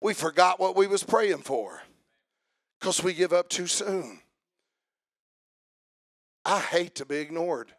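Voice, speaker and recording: A man preaching a sermon to a congregation, asking them questions and rising into a chanted, shouted preaching cadence. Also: sits high, lively intonation, takes it slowly, long pauses, dry recording, clean studio sound.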